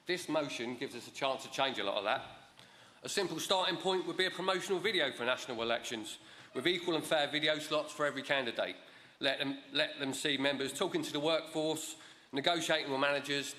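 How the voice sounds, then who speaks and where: A man's voice: medium pitch, pushed and bright. A man giving an emphatic, persuasive conference speech as a union delegate, with rhetorical lists and informal turns of phrase. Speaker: union delegate moving a motion. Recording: echoey conference hall, long reverb.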